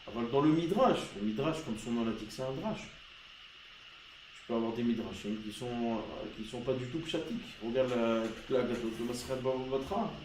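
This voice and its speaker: A man's voice: mid-range voice, lively intonation, normal speed, roomy sound, background noise. A man teaching a Torah class to students, asking rhetorical questions and pressing his points hard. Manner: rhetorical questions, grows loud and emphatic.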